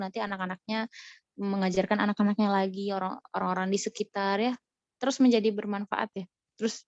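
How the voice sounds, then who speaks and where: A woman's voice: mid-range voice, dry recording, muffled recording. A woman teaching an online recitation lesson in a chatty way, often demonstrating right and wrong readings.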